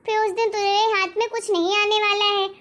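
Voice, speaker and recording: Woman doing a fussy loving old saas in a cartoon, super high bright voice, bossy but sweet. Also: flat delivery, brisk. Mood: firm defending. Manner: scolding affectionately, insistent. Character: loving elderly mother-in-law, doting and firm. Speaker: mother-in-law in a family cartoon story. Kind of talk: cartoon story voice acting.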